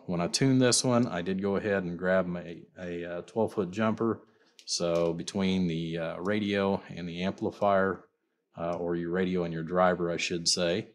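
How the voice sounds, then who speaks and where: Speaking in a very deep voice, an amplifier builder and seller gives an informal demo of his work. He rambles as he explains, leaning again and again on "you know" and "like I said."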